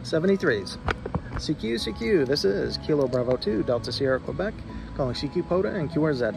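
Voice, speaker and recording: A man's voice: a little high, lively intonation, brisk, vocal fry, over music. A man working as an amateur radio operator, repeating reports and spelling call signs in the phonetic alphabet. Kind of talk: amateur radio contact calling. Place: outdoor park radio activation.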